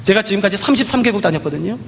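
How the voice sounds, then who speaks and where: Lively high-voiced man preaching in a hall. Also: racing, gravelly, a little hiss or hum. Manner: storytelling with acted dialogue, rising and falling dramatically. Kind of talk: sermon.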